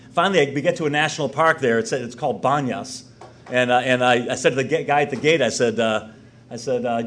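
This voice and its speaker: A middle-aged man preaching a conversational sermon. He rambles with many restarts and fillers and grows louder and more urgent when he exhorts. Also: mid-range voice.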